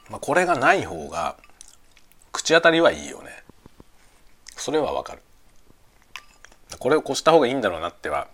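A man's voice: medium pitch, big pitch swings, a little fast, long pauses, a bit bright. A middle-aged man chatting casually while eating, musing aloud in short phrases that trail off. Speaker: host of a lunchtime chat.

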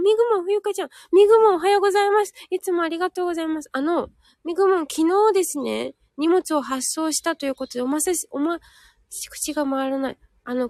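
Woman, live audio host; high voice, chatty, reads listener comments aloud and corrects herself as she goes; dry, close recording. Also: darkish tone, no room sound. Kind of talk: casual live chat reading listener comments.

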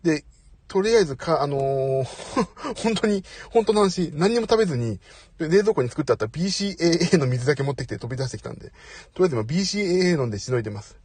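Chatty middle-aged man, lively husky voice. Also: fairly high pitch, fast. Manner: chatty, apologetic, self-deprecating. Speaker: host. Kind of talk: casual live audio chat. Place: parked outside, away from home.

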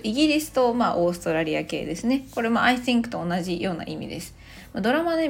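Chatty woman teacher, casual lesson podcast, lotsa fillers, bouncy pitch. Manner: chatty, many soft fillers, laughs lightly. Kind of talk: casual spoken language lesson.

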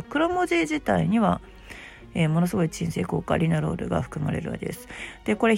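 A middle-aged woman with a gravelly, just-woken hoarse voice, chatting casually and self-deprecatingly as the host of a solo show. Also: lowish voice, darkish tone. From Osaka, Japan. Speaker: host, aromatherapy shop presenter.

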